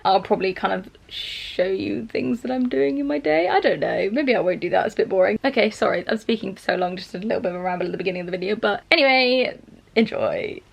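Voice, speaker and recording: Young female vlogger, casual and self-deprecating, slight vocal fry. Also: medium pitch, animated, fast talker. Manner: rambling, self-deprecating, chatty. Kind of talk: casual vlog chat. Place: bedroom at home.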